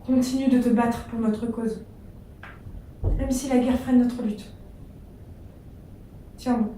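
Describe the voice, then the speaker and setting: A woman's voice: on the high side, steady tone, dark tone. A woman playing an earnest young wartime factory girl. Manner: earnest, measured, tender letter-reading. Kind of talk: stage reading of letters. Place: theatre stage. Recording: echoey theatre from far off, faint background hum.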